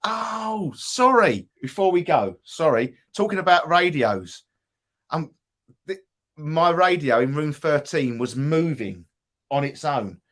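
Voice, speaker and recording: A man's voice: fairly high pitch, expressive, slow pace, a bit bright. A man with an Essex accent hosting a live podcast, chatting in a rambling way with restarts. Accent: Essex English. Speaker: host.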